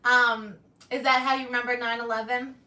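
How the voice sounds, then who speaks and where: High-voiced New woman, echoey livestream. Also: fairly quick. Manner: animated, exclamatory, playful. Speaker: host of a daily live show. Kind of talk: casual chatty livestream. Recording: roomy, distant mic, music behind.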